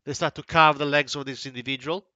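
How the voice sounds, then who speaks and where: A man's voice: a little high, fairly even intonation, fast, pushed and bright, no room sound, highs cut off. A man narrating as game master of a tabletop game, hesitant with many fillers and restarts.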